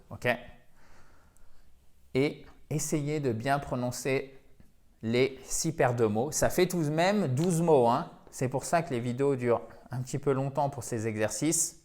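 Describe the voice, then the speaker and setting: Male teacher, French native, middle pitch, lively and coaxing, repeats each word slowly. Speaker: English teacher. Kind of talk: pronunciation lesson.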